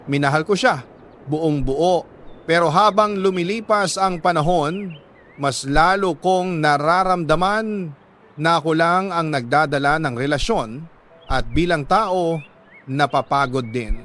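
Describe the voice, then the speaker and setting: A man with a Filipino accent, his voice a little high and a bit bright, reads a dramatic love story as a radio storyteller. His delivery is solemn and heartfelt, with pauses between short phrases.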